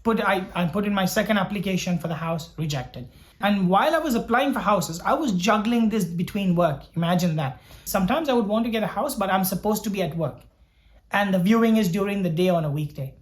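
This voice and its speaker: A man's voice: high voice, brisk. A young man from Sri Lanka, a doctor, telling his story in an earnest, reflective way, often repeating words as he thinks aloud. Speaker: doctor vlogger. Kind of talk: personal storytelling vlog.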